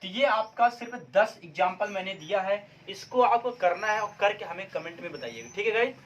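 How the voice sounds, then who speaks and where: High-voiced chatty male teacher. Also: lively intonation, a little fast, fairly bright tone. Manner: chatty, repeats "guys" and "ठीक है?" as check-ins; drills example sentences aloud. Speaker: English teacher. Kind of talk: Hindi-English video lecture.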